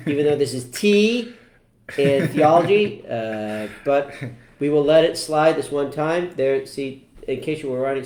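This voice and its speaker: A man's voice: a little high, a little mellow. A man in his forties, a priest hosting a casual parish livestream interview, talking in a chatty, joking way with lots of "uh" fillers. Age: 40s. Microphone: computer camera mic. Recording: echoey parish room.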